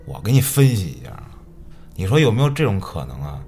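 Low-voiced guy cohost cracking jokes, swearing at the story, music faint underneath. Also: big pitch swings, fast, vocal fry, darkish tone. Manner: reacts with curses and jokes. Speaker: podcast co-host. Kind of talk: casual chat.

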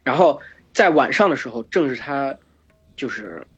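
A hoarse man hosting a podcast, retelling an epic in casual chat, full of fillers and restarts. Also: mid-range voice, lively intonation, moderate pace, fairly bright tone. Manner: rambling with many fillers and restarts. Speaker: podcast host retelling myths. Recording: dull lo-fi podcast recording with faint music.

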